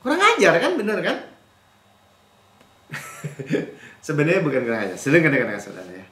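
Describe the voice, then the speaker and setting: A man preaches in a church, his voice high and full of swooping, lively pitch. He jumps from loud mocking impressions of grumblers to quiet, almost offhand asides. The room gives his voice a clear, roomy echo. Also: normal speed. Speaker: pastor. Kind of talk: sermon.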